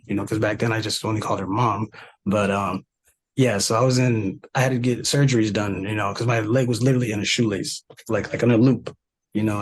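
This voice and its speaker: A man in his thirties from South Sudan, a podcast guest telling his story in a relaxed, casual way with many fillers and restarts. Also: on the low side, low-quality recording. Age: 30s.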